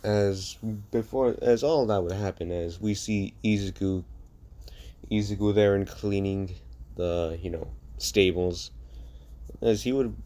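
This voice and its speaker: A man's voice: lowish voice, measured pace, mellow. A young man casually telling a fan-made story, rambling with many fillers and restarts.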